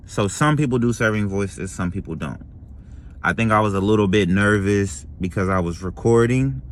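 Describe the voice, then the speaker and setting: A man's voice: on the low side, lively intonation, moderate pace, a little hiss or hum. A young man who works as a restaurant server, talking casually to camera in a rambling way, often correcting himself and asking "you know what I mean?". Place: lives in Florida.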